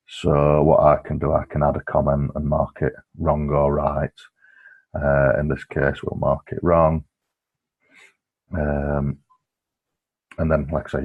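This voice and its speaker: Very deep, flat, husky-voiced man tutor. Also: lo-fi sound. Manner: relaxed, explanatory, with frequent fillers. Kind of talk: screen-recorded software walkthrough.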